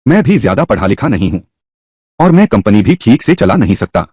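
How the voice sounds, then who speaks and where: A man's voice: lowish voice, big pitch swings, brisk, darkish tone, breathy edge, no echo. A man dubbing a humble, stubborn young male worker in a short drama, with a firm, plain-spoken delivery. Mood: quiet. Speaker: dubbed drama lead. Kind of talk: Hindi dub of a Chinese short drama.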